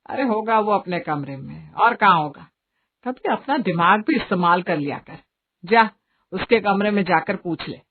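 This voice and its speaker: A woman playing a middle-aged mother who talks briskly and scolds. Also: mid-range voice, lively intonation, husky. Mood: scolding. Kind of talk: Hindi story voice acting. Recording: tinny phone-like audio, faint hiss.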